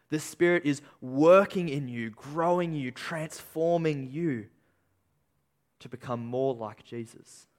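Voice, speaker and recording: Slow, emphatic preacher man. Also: on the high side. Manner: emphatic, rising and falling delivery with slow stressed phrases. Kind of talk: sermon.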